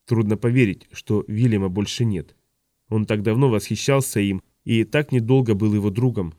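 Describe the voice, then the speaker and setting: A man reading an audiobook as narrator, in a calm and even delivery on a close mic. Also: lowish voice, moderate pace, no room sound. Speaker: audiobook reader.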